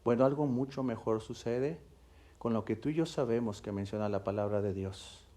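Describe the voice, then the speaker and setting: A male pastor preaching a sermon. He tells a story, swinging between loud, emphatic peaks and soft, hushed passages. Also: on the low side, normal speed.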